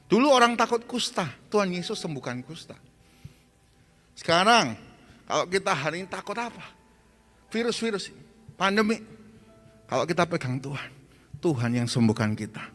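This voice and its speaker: A high-voiced man preaches a sermon, urging his congregation loudly and then dropping to soft, hushed lines. He acts out people in his stories. The sound carries the long echo of a large hall with faint music underneath. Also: moderate pace, long pauses. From Indonesia. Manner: animated storytelling, acts out cries for help; swings between loud exhortation and soft, hushed lines. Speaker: pastor.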